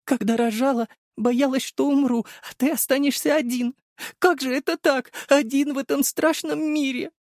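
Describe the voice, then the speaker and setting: A man reading an audiobook, voicing a loving mother just after childbirth who speaks high, tender and close to sobbing. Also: fairly even intonation, normal speed, no room sound. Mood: tearful. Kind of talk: audiobook character voice.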